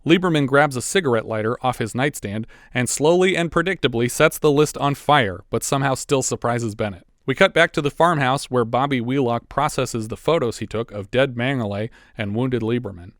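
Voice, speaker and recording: Male podcast co-host, relaxed and chatty, walks through a movie plot, dry studio sound. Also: mid-range voice, a little fast, hardly any pauses, no room sound. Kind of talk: casual movie recap and chat.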